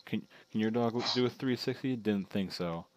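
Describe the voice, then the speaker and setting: A young gamer with a voice on the low side chats at a normal speed during casual co-op play with a friend. He jokes around and rambles through long, meandering stories.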